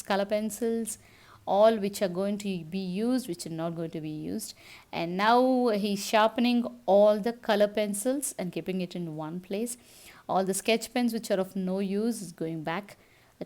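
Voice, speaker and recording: A woman's voice: mid-range voice, a little mellow. A woman in her thirties with a Tamil Indian accent, narrating a household vlog casually as its host. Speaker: home vlogger, host.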